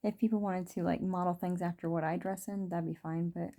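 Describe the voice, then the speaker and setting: A woman in her thirties talking through her feelings in a rambling, reflective video diary, full of fillers and soft laughs. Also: on the low side, steady tone, a little fast. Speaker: vlogger. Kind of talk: reflective personal diary talk.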